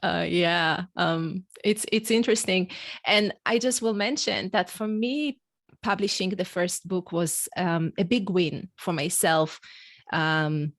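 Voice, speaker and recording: This middle-aged woman, a podcast guest who works as an executive coach and author, has an Israeli accent and speaks Hebrew natively. Her voice is lowish and slow as she candidly reflects on her own story in a conversational interview, recorded dry with clean studio sound.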